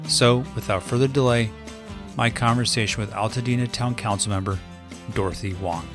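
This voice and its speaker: A man hosting a podcast, reading a measured, formal introduction and then asking interview questions. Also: medium pitch. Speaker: podcast host. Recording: faint music behind the intro.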